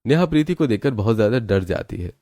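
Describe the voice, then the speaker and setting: A man narrating a cartoon story in a steady, matter-of-fact way. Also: on the low side, fast talker.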